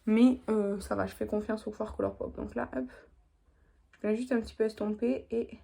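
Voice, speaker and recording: A woman's voice: medium pitch, steady tone, moderate pace, vocal fry, dark tone, slightly rough. A young woman, chatting casually through a makeup tutorial as she works. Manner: chatty, talks while working, lots of little "hop"s. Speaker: beauty vlogger.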